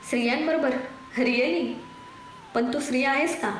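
A woman's voice: high-pitched, moderate pace, soft background music, close to an everyday voice. A woman voicing a scornful young husband with a cutting, contemptuous manner, reading a story. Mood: sneering. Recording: echoey room with faint noise.

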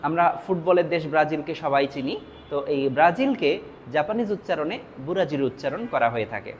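A man with a Bangladeshi Bengali accent teaching Japanese vocabulary, repeating each word and its meaning slowly. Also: a little high, lively intonation, a little hiss or hum. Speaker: language teacher. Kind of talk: vocabulary lesson.

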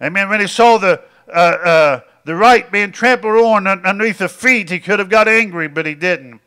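A middle-aged male preacher delivering a sermon in a high-pitched voice with a bright, forceful edge. He peppers his lines with amens and circles back over phrases as he builds his points. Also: moderate pace, smooth. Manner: frequent interjected amens, repeating phrases.

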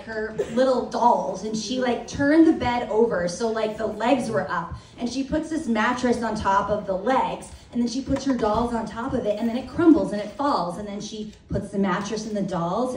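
A woman doing a stand-up comedy set, telling a story in a profane, animated way. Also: a little high, far from the mic. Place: comedy club stage. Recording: echoey club mic heard from afar, loud crowd. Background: audience laughter.

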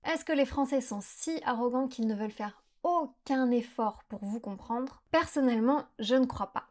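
A young woman from France teaching French pronunciation, explaining mistakes clearly and slowing down for spoken examples. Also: fairly high pitch, darkish tone. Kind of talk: explanatory lesson to camera.

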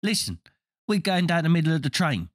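A man reading a storybook aloud, voicing joking teenage twin brothers with in a quieter, raised voice. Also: low voice, big pitch swings, brisk, no echo, studio quality, voice pushed up. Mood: cheerful. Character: cheeky teenage twin boys, jokers.

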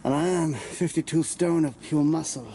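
A young man with an English accent casually narrates his exploration of a dark, burnt-out abandoned building, swearing often and making crude jokes. His voice is on the high side and warm, delivered at a normal speed through noisy handheld camera audio.

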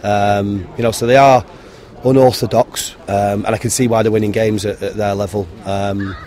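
A man, a football manager giving a frank post-match interview by the pitch, with many ums and restarts. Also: level tone, moderate pace, darkish tone. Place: outdoors beside a football pitch. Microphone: handheld interviewer mic held to him.

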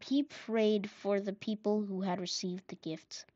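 A woman reading a children's mission story in a clear, measured narration. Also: mid-range voice, steady tone, dark tone, no room sound. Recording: dull, dry recording.

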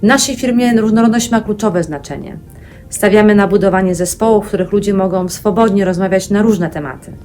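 A woman giving a calm, deliberate corporate statement for her company. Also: medium pitch, faint music behind. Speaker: company representative.

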